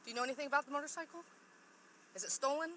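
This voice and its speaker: A woman's voice: high-pitched, rapid-fire, a bit bright, slight background noise. A woman working as a police officer, asking questions at an outdoor incident scene.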